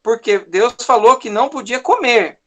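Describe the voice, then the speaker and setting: A man's voice: extremely high pitch, lively intonation, moderate pace, bright, forceful tone. A man with a Brazilian accent giving a sermon, talking conversationally and often tagging his sentences with a questioning "né?". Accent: Brazilian Portuguese. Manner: conversational, tags many sentences with "né?"; teaches verse by verse, acting out short quoted lines. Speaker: preacher.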